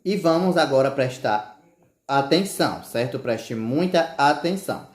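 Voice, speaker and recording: A man teaching a recorded lesson at an unhurried pace, his voice pitched in an ordinary middle range. He spells words out letter by letter and keeps checking that the class is following. The room around him is echoey. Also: lively intonation.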